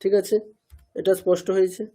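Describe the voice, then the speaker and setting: A man with a fairly high but mellow voice leads a pronunciation class. He keeps quizzing his students and echoes their answers back to them. He sounds out single syllables several times over to show how they are made. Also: little pitch movement, fairly quick, breathy edge. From India. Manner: asks students questions and repeats answers; demonstrates sounds by repeating syllables. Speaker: Sanskrit pronunciation teacher. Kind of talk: online class lecture.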